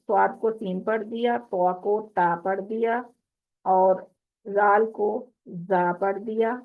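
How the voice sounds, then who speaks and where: A woman teaching a tajweed lesson, explaining common recitation mistakes and slowly drawing out the Arabic words she demonstrates. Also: medium pitch. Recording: tinny phone-like audio.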